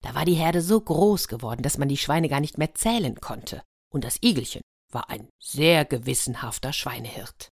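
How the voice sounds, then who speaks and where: A woman telling a fairy tale to children, lively, with chatty asides to her listeners. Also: a bass voice, normal speed, breathy edge, no room sound, clean studio sound. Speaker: children's storyteller. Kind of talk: storytelling for children.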